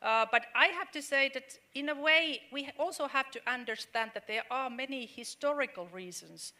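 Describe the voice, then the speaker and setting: A middle-aged woman from Finland joins a panel discussion, her bright, forceful voice sitting high. She's earnest, pausing frequently, using many fillers, and restarting phrases while she builds her argument.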